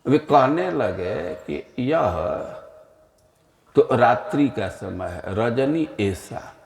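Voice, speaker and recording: Slow, gravelly-voiced male preacher. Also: medium pitch, lively intonation, echoey room. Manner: slow, explanatory, with rhetorical questions. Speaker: spiritual teacher. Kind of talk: scripture lecture.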